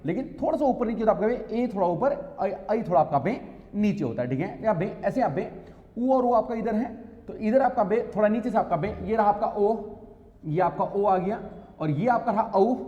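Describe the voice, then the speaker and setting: A male teacher explains a diagram in class, repeating phrases and filling pauses with "okay" and "look". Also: high-pitched, mellow, dull audio. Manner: repeats phrases, fills with "ठीक है" and "देखो". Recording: long echo in a hall.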